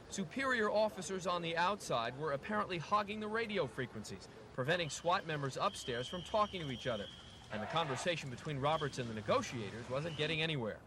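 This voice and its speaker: A male American TV news reporter with a slightly high voice delivers scripted narration. His delivery is measured and formal, in classic broadcast style. Faint outdoor noise sits behind him on an old news tape. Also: a bit bright. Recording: noisy 1980s TV news tape, street noise.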